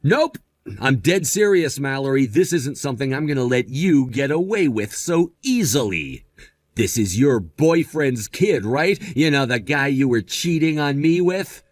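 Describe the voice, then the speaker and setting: Man doing a betrayed husband, firm and confrontational, lots of pitch swing. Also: lively intonation, a little slow, dry recording, close to an everyday voice. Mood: stern. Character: betrayed husband, stern and unyielding.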